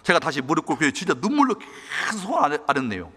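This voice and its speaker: A man's voice: on the high side, big pitch swings, fast, pushed and bright, husky. A male pastor gives a sermon in a church. He tells a personal story in an earnest, emotional way. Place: church hall. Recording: long church-hall reverb.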